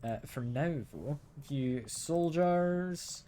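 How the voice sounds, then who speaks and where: A man's voice: a little high, extremely slow, warm tone, slight background noise. A man streaming a game live, chatting casually, asking his viewers questions and chuckling often. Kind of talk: casual live gameplay chat.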